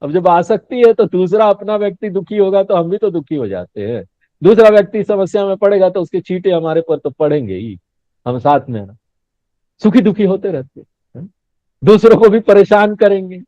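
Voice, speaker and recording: A man's voice: high-pitched, lively intonation, normal speed, dark tone, no echo. A man who is a swami giving a Hindi spiritual discourse, chatty and laughing often, asking his listeners questions. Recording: dull lo-fi recording, dry.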